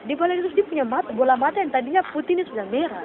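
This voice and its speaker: A woman giving an emotional spoken testimony, retelling events vividly and excitedly. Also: sits high, racing. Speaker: testifying guest. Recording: noisy phone-like audio.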